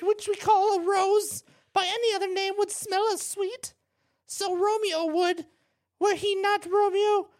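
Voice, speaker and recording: A woman putting on a shrill old hag voice. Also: heavily acted. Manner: theatrical verse reading, breaking into giggles. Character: cackling shrill old hag as young heroine. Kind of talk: comic script read-aloud.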